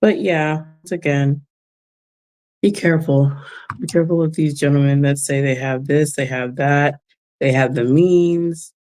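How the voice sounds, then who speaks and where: A woman chatting casually on a livestream while doing a craft, giving gentle, reflective advice and chuckling often. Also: sits low, fairly even intonation, measured pace. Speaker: vlogger giving life advice.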